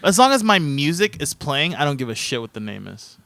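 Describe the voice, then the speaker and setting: A man's voice: on the high side, big pitch swings, a little fast, creaky, fairly bright tone. A man who plays in a band, chatting as a guest in a studio in a laid-back, rambling way, with plenty of swearing. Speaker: podcast guest, musician. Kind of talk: casual chat. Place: recording studio.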